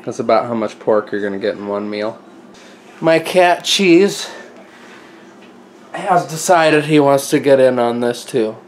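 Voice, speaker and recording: A man casually narrates his meal prep at home, explaining each step as he cooks at the stove. His medium-pitched voice is expressive and a little slow, with frequent pauses. The room is echoey, with clear kitchen noise of a sizzling pan and stirring.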